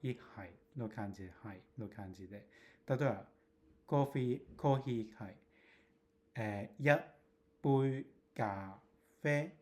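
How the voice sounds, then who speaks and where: A man teaching in a video lesson, drawing out example phrases slowly and repeating them. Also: on the low side, dark tone. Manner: slow, drawn-out drills of example phrases. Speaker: Cantonese language teacher.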